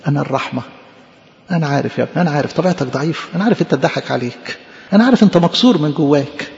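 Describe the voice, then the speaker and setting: A priest voicing a tender merciful Christ. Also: male voice, fairly high pitch, racing, long reverb tail, lo-fi sound, pitched below the performer's own voice, natural voice. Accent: Egyptian Arabic. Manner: soft, tender, reassuring. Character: gentle merciful Christ speaking to a sinner.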